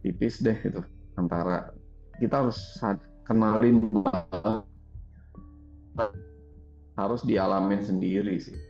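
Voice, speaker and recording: Gravelly man teaching in a roomy room. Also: on the low side, measured pace, pauses often, faint music behind. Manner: relaxed, chatty, laughs often, peppers talk with "gitu". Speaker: spiritual teacher. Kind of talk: casual conversational teaching. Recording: roomy, slightly dull recording.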